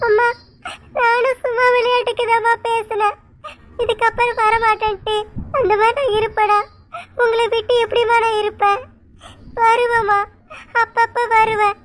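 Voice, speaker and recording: A woman's voice: very high voice, fairly even intonation, normal speed, fairly bright tone, slight background noise. A woman voicing a sulky, teasing young bride daughter in a cartoon, talking in a whiny, pleading way. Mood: tearful. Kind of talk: cartoon voice acting.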